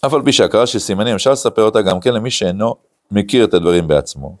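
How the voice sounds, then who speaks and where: A man, a rabbi, giving an animated Talmud study lecture, acting out quotes and using many filler sounds. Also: lowish voice. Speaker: rabbi teaching a class.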